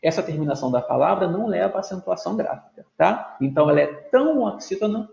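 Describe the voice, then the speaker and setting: A man's voice: sits high, expressive, creaky, a little mellow. A man teaching a grammar video lesson, explaining patiently, drawing out words syllable by syllable and checking in often with his students. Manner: explanatory, drawn-out spelling of words; frequent checking tags like "tudo bem?". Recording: echoey room, dull lo-fi sound.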